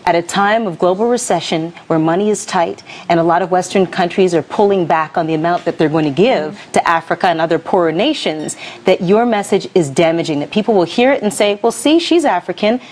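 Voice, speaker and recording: A woman's voice: on the low side, brisk, hardly any pauses, darkish tone, a little hiss or hum. A woman hosting a television morning show, asking probing, conversational questions of her guest.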